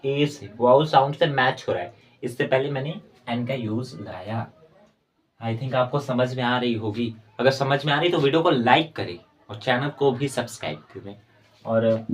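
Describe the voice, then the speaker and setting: Male English tutor, patient repetitive classroom delivery. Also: medium pitch. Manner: explains by repeating words, addresses viewers as friends. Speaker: English teacher. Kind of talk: classroom-style grammar lesson.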